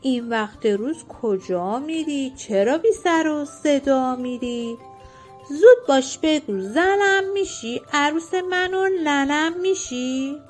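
A woman's voice: high-pitched, animated, faint music behind. A woman voicing a pushy, blunt male shopkeeper courting in a children's story.

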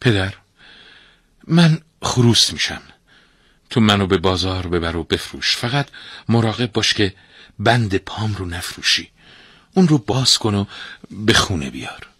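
A man's voice: on the low side, lively intonation, long pauses, fairly bright tone, breathy edge, no room sound, clean studio sound. A man voicing a clever young man who learns to change shape, talking eagerly.

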